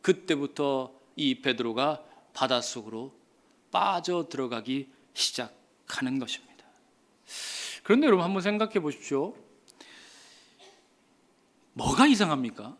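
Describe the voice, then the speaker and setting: A man's voice: mid-range voice, sing-song, measured pace, long pauses. A pastor preaching a sermon with rhetorical questions to the congregation, acting out voices to make his point.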